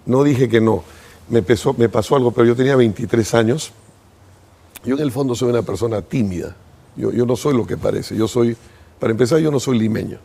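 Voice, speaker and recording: Gravelly older man reminiscing. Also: mid-range voice, brisk, dark tone. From Peru. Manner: thoughtful, reminiscing, speaks in first person at length. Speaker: interview guest. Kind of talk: reflective interview storytelling.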